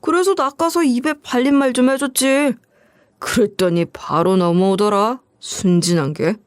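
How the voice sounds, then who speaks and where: A woman's voice: fairly high pitch, moderate pace, smooth, dry recording, studio quality, lightly acted. A woman voicing a greedy, scornful middle-aged ex-husband who wheedles and sneers in coarse speech. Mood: sneering.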